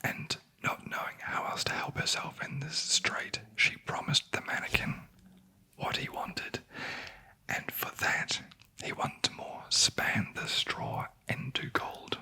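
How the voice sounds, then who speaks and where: A sleep story narrator whispering a fairy tale in a breathy ASMR voice, with dry, wry asides. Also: slow, poor audio. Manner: wry, deadpan commenting on the story.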